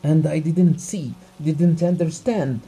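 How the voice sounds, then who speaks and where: A man's voice: fairly high pitch, expressive, a little slow, warm tone, faint music behind, voice pushed up, rough recording. A man voicing a distraught, tearful nobleman pouring out his heartbreak in an audiobook reading. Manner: raised, pleading, emotional.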